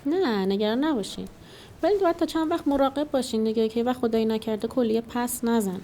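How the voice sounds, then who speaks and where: Woman playing calm stranger explaining symptoms, mellow voice. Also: a little high, a little hiss or hum, natural voice. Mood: reassuring. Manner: reassuring, explanatory.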